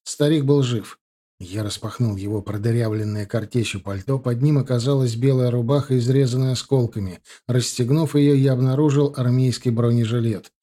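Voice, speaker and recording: Dark, husky male audiobook narrator. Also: mid-range voice, fairly even intonation, moderate pace. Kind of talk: first-person audiobook narration.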